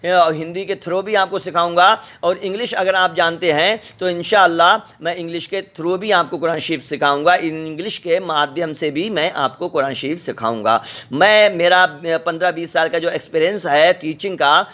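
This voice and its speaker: A middle-aged man teaching the Quran's alphabet in a recorded lesson, patient and repetitive, sounding letters out slowly. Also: a little high, pushed and bright.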